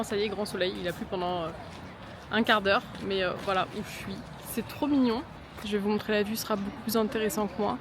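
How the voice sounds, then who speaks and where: A woman's voice: medium pitch, background noise. A woman casually chatting through a travel vlog while walking around a city, filming on a handheld phone, easygoing, with many fillers. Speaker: travel vlogger. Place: outdoors in a city, partly on a bus.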